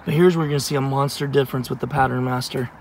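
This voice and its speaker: Speaking very fast in a steady, mid-range voice, the channel host, a man in his thirties, gives a matter-of-fact review at an outdoor shooting range. The camera recording him stands a few steps away, and there's slight background noise.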